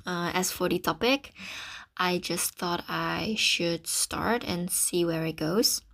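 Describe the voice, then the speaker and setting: A woman's voice: fairly low pitch, slow pace, gravelly, fairly bright tone. A woman in her early twenties from the Netherlands hosting a casual solo podcast, self-conscious and rambling, talking into a phone in a small closet with a towel over her head. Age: early 20s. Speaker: podcast host.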